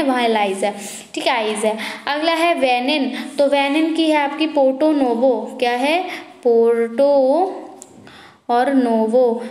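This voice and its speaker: Young woman teacher, high voice, slow repetitive drilling, roomy echo. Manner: drills by asking and repeating answers slowly. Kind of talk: exam-prep lesson.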